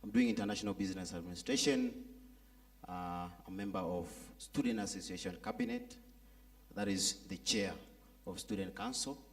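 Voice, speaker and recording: A young man from South Sudan introduces himself on a student panel, hesitant and full of fillers. His voice is very deep and gravelly yet swings widely in pitch, and he sits far from the mic. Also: big pitch swings, moderate pace. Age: young adult. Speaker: student council chair. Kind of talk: panel discussion. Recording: voice picked up from a distance.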